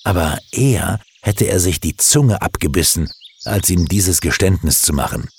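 A man reading a children's story aloud with expressive, dramatic storytelling. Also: deep voice, moderate pace, vocal fry, slight background noise.

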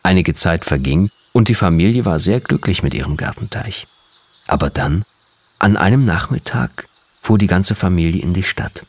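A man reading a children's storybook aloud with gentle, lively storytelling. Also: low-pitched, moderate pace.

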